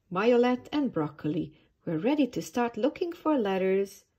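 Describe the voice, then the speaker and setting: Woman, preschool storytime reader, slow, mellow, lilting, asks kids questions. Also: mid-range voice, muffled recording. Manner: slow, sing-song, asks the young listeners questions. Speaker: early years storytime reader. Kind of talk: reading a children's picture book aloud.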